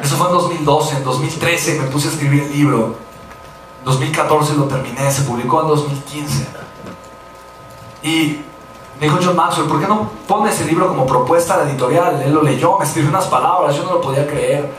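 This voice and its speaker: A man's voice: on the high side, fairly quick, distant mic, slight background noise. Mexican man speaking in an echoey hall. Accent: Mexican Spanish. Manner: animated, acts out quoted voices, frequent tag questions. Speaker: motivational speaker. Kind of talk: motivational storytelling talk.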